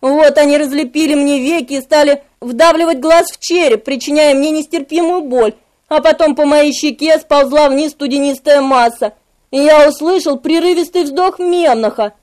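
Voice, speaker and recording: A woman's voice: sits high, moderate pace, a little mellow. A woman reading a novel aloud in a dramatic, vivid first-person narration. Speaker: audiobook narrator.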